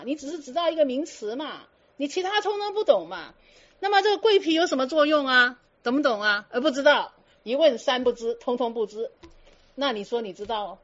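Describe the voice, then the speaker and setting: A woman's voice: high-pitched, muffled recording. A woman giving a Buddhist dharma talk to students, firing teasing rhetorical questions and slipping in English words. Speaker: Buddhist teacher.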